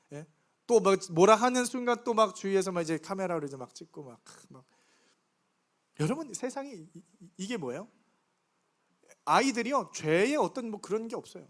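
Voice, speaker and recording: A middle-aged man preaches a Sunday sermon in a church, his voice sitting fairly high. He talks in a chatty, conversational way and keeps throwing questions to the congregation. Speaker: pastor. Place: church sanctuary.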